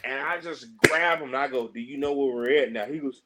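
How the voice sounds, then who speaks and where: A man's voice: mid-range voice, a little fast, a crowd in the background. A man telling stories casually and animatedly in colloquial speech, acting out the exchanges he quotes. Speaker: pro wrestler telling stories.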